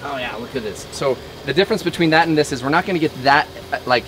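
Speaking fast over a noisy background, this medium-pitched man in his thirties hosts a casual outdoor cooking show. He's upbeat and joking, quoting movie lines and bantering as he cooks at a griddle kitchen with wood walls, the griddle sizzling behind his voice.

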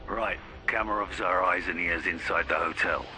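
Deep-voiced soldier on helmet radio. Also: male voice, moderate pace, noisy background. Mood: steady. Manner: clipped, steady military radio talk. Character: calm veteran soldier commanding over radio. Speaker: squad commander.

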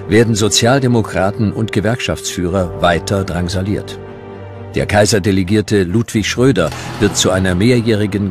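Music sounds clearly under this historical documentary narration, read from a script by a man whose voice is very low.

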